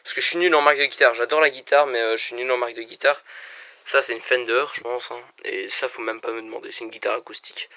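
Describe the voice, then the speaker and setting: A man's voice: medium pitch, fairly even intonation, quick pace, bright, forceful tone. A young man chatting casually in a home vlog, rambling and hesitant with lots of fillers, recorded on a phone in his room. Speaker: channel owner. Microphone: phone camera.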